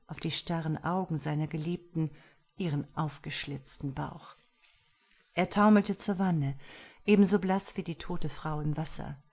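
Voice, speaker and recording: Low-voiced woman narrating a thriller. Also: a little mellow. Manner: measured, dramatic storytelling. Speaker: audiobook narrator.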